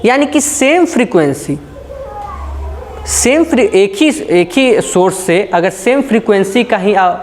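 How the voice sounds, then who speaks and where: During a classroom lecture, a physics teacher with a high, expressive voice talks a little slowly against slight background noise. He asks and answers his own questions, leans on folksy everyday examples, and frequently makes sure everyone understands.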